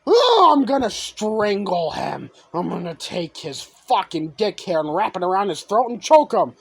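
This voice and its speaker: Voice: medium pitch, very animated, a little slow, vocal fry, slightly rough, pitched below the performer's own voice, full character voice. A speaker voicing an angry, vengeful sibling who makes threats in a half sing-song way. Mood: menacing.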